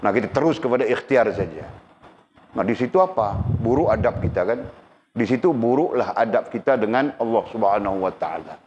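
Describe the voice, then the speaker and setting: Middle-aged male religious teacher, animated lesson with questions to the audience, muffled lo-fi recording with light noise. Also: on the low side, fairly quick. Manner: lively, asks the audience questions. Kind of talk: sermon. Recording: dull lo-fi recording with faint noise.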